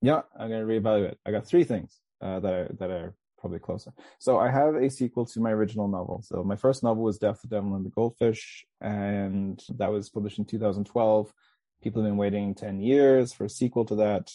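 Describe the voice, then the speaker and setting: Chatty man, low mellow voice. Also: brisk, dry recording. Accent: Canadian, with faint Mancunian traces. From England. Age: 40s. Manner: chatty, rambling, with frequent restarts and laughs. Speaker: guest author. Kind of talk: casual podcast interview.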